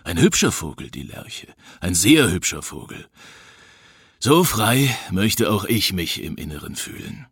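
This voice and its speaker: A man voicing a weary, stubborn western loner in an audiobook, calm and blunt. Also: low-pitched, unhurried, breathy edge, dry recording, clean studio sound, heavily acted. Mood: wistful.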